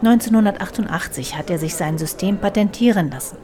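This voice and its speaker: A woman reporter giving scripted radio feature narration in a measured, descriptive way. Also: medium pitch, dark tone.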